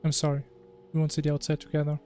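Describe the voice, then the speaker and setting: A man voicing a small, loyal robot drone companion, reading its lines out plainly in a fairly high voice. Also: monotone, very fast, warm tone, soft background music, natural voice. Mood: solemn.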